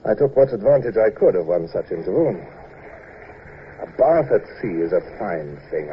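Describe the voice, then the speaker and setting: In brisk 1950s radio drama style, a male actor with a lowish, fairly everyday voice plays an imperious, irascible British naval commander at sea with a dry sense of humour. He delivers first-person narration and dialogue in a measured, narrating mood. The old broadcast recording sounds dull and hissy.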